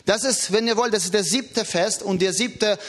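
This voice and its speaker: A man's voice: moderate pace, fairly bright tone. A man preaching a sermon in an earnest, emphatic way, with a foreign accent. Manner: earnest, emphatic, rises and drops in pitch.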